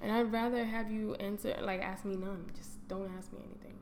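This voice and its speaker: A woman's voice: mid-range voice, steady tone, a little fast, a little mellow. A woman with a Brooklyn accent chatting casually and bluntly, with plenty of slang and swearing. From Brooklyn, New York. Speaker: podcast host. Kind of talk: casual candid chat. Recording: some background noise.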